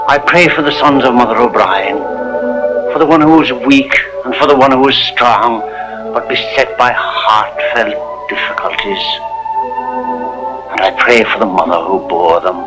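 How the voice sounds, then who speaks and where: An actor playing a gentle, solemn parish priest who speaks in a measured, pious way, heard through the sound of a 1950s TV broadcast with a music bed. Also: male voice, medium pitch, rough recording. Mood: prayerful.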